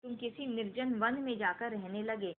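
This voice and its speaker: Wise old sage, calm and stern, steady measured telling, as a woman reads him in her own voice. Scripture story, higher voice, tinny line. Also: natural voice. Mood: solemn. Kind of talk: devotional scripture reading. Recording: tinny phone-like line, faint noise.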